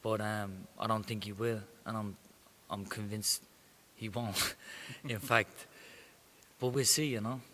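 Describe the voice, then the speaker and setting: This young Irish professional boxer speaks in an interview with confidence, swagger, and plain words. His voice is fairly low and bright with a forceful edge, his intonation stays fairly even, and he talks slowly. A faint hiss runs under the recording.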